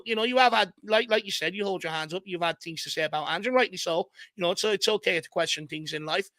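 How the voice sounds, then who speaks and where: Guy hosting a footy stream, talks fast, very dry close sound. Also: fairly high pitch, bright, forceful tone, no room sound. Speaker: host. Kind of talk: casual football live-stream talk.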